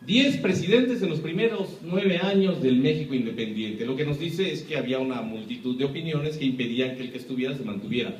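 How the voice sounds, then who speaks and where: A man's voice: mid-range voice, fairly quick, few pauses. Emphatic Mexican man lecturing in an echoey hall. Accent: Mexican Spanish. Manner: emphatic, rhetorical questions, acts out quoted voices. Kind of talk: impassioned public talk. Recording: echoey room, speaker far from mic.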